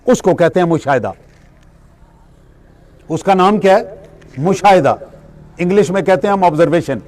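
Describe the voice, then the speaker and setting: Man, high voice, spiritual lecture, everyday examples, asks and answers himself. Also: darkish tone. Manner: explains with everyday examples, asks and answers his own questions. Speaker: religious speaker.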